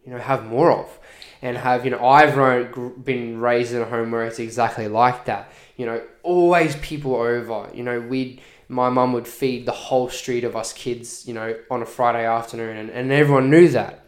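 A man's voice: mid-range voice, fairly even intonation, moderate pace. A man talking casually and earnestly in a podcast conversation, repeating phrases for emphasis. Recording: echoey room.

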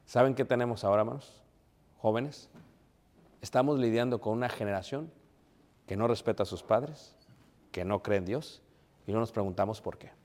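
A man's voice: fairly low pitch, moderate pace, long pauses, darkish tone. Bilingual preacher man in a reverberant hall. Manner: preachy, addresses congregation as brothers, mixes English phrases. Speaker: pastor. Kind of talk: sermon. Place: church.

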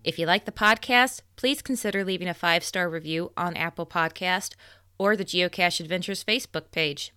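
Lady hosting a podcast, lowish smooth voice, friendly, reads her intro. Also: normal speed, sharp tone, no echo. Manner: friendly, scripted intro reading. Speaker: podcast host.

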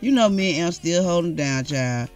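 An actress playing a brash, welcoming cousin who talks in familiar slang at home. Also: female voice, lowish voice, expressive, moderate pace, a little mellow, soft background music, natural voice. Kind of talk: naturalistic screen drama dialogue.

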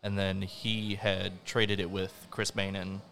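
Low, flat-toned man chatting casually. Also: takes it slowly, vocal fry. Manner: sweary, slangy. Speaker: band drummer, podcast guest. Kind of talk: casual chat.

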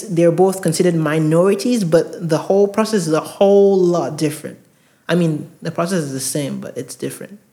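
On a handheld recorder mic, a man from outside the US with a high-leaning, darkish voice offers casual advice to premed students on his podcast. He speaks earnestly and emphatically in monologue, often repeating words for emphasis.

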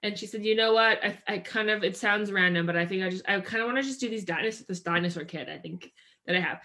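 Woman from Canada, podcast co-host, casual chat, bright tone. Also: medium pitch, quick pace. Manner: chatty, upbeat, heavy use of "like".

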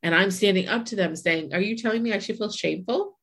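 A woman's voice: medium pitch, fast, a bit bright, slightly rough. A woman in her forties in casual, earnest conversation, reflecting aloud with many restarts. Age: 40s. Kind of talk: casual chat.

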